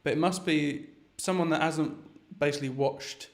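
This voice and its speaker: A man's voice: fairly high pitch, fairly even intonation, normal speed, creaky. A young man chatting casually as host, hesitant and rambling with many restarts. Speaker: video chat host. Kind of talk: casual chat.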